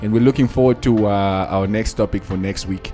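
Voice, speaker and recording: A man hosting a weekend radio show, speaking in a relaxed, reflective way. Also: lowish voice, a little fast, faint music behind.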